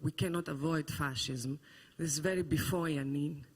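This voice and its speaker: Husky guy moderating a panel, rambly and thoughtful. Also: on the high side, fairly even intonation, a little slow. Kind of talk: public panel discussion.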